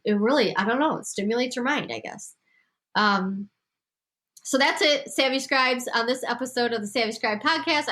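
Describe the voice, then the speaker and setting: A woman's voice: on the high side, sharp tone. Upbeat congested woman giving writing tips. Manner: upbeat, emphatic, laughs often. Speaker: podcast host and writing coach. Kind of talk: casual advice talk to a group.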